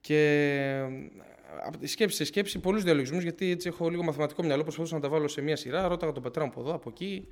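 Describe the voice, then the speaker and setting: A young man tells his congregation a personal faith testimony in an earnest, searching way. He circles back, restarts phrases and keeps retelling his own words as he goes. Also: on the high side. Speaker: church member giving testimony.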